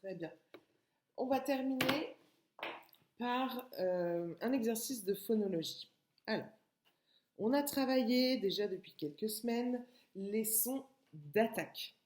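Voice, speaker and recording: A woman teacher giving a remote phonics lesson to a young child, slowly repeating and stretching letter sounds with patience. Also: medium pitch, darkish tone. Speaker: kindergarten teacher.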